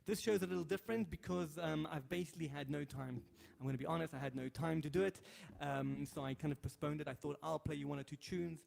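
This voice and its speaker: This man hosts a live guitar stream from his home, chatting loosely with viewers, thanking them, and reading their comments aloud. He rambles hesitantly, full of fillers and restarts. His voice is on the high side, creaky, and a little mellow.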